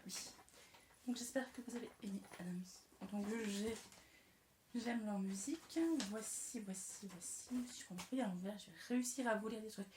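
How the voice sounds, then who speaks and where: Young woman, casual vlog, chatty, self-mocking, stumbles over words, fidgety, echoey room, faint hiss. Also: medium pitch. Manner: fidgets and moves around on camera. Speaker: vlogger. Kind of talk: casual talking-head vlog.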